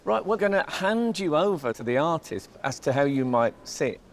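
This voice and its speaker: A man hosting a TV art competition, talking lively and playful to artists and sitters. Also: on the high side, moderate pace, a little hiss or hum. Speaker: host. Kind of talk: presenting a TV competition. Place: indoor gallery studio.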